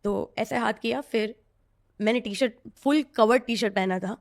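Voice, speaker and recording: A woman speaks as a podcast guest. Her voice sits a little high for a woman. She is earnest and confiding as she recounts her story. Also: normal speed, vocal fry. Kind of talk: personal story told in an interview.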